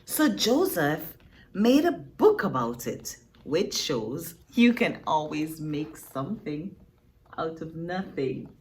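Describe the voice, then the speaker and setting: There's a slight hiss or hum as a woman reads aloud from a picture book to young children. Her voice sits low, and she is expressive and teacherly, pausing for emphasis and asking her listeners questions.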